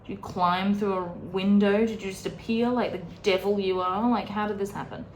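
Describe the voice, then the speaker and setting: A woman's voice: medium pitch, fairly even intonation, normal speed, a little hiss or hum, natural voice. Woman reading out an indignant young lady. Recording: roomy echo.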